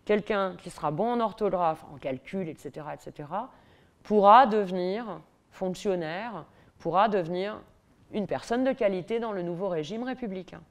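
A woman's voice: mid-range voice, lively intonation, a little fast, few pauses, darkish tone. Woman professor explaining patiently. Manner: explains step by step, addresses listeners directly. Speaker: university professor. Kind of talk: explanatory lecture.

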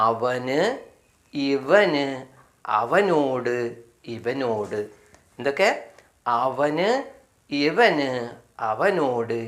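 A teacher explaining English words step by step in a spoken lesson, with a Malayali accent, slowly repeating each item and asking questions he answers himself. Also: medium pitch, fairly bright tone. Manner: slow, repetitive, asks questions and answers them himself. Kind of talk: spoken phonics lesson for beginners.

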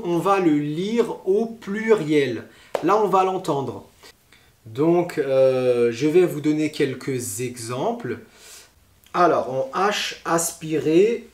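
Slow, patient French teacher, echoey room. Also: male voice, on the high side. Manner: slow, patient explaining with many hesitations. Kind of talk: online pronunciation lesson.

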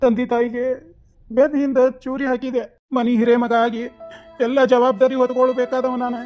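A voice actor playing a remorseful grown son in a cartoon, confessing slowly and solemnly with a North Karnataka accent. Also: medium pitch, flat delivery, dull audio, soft background music, lightly acted. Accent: North Karnataka Kannada.

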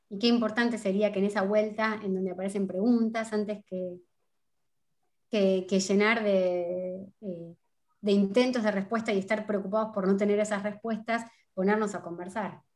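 A woman's voice: mid-range voice, a little mellow. A woman with an Argentine Spanish accent speaking as a panelist in a video-call discussion, with a thoughtful, questioning way of talking.

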